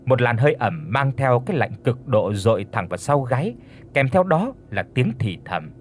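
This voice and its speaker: A man reading a horror story aloud in an expressive, steady way. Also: medium pitch, moderate pace, a little hiss or hum. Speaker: audiobook narrator. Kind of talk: scripted horror story narration.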